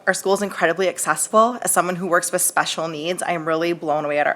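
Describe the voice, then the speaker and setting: Earnest chatty woman, lowish voice. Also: fairly bright tone. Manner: chatty, earnest, with many fillers. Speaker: parent giving public comment. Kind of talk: public comment at a school board meeting.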